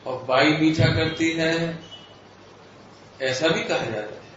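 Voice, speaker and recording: A man giving a philosophy lecture to a live audience, explaining slowly and deliberately, questioning his listeners in a playful, teasing way. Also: fairly high pitch, fairly bright tone, slight background noise. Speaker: religious lecturer. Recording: echoey hall, slightly dull audio.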